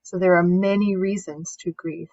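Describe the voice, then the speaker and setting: A woman coach leading an online grief course, calmly guiding breathing and reading passages aloud over a video call. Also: fairly low pitch, moderate pace, dry recording, highs cut off.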